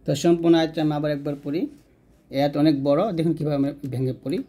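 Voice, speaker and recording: A man teaching Quran recitation, chanting each verse slowly and drawn out, then explaining the letters and pauses. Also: fairly high pitch, fairly even intonation, dark tone. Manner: slow drawn-out chanting of verses between quick spoken explanations.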